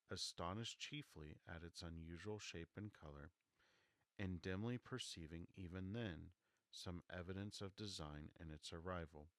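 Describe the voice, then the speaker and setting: A man reads a classic novel in a soft, low voice. The sound is dry and close, with the measured delivery of scripted narration. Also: no room sound. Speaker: audiobook narrator.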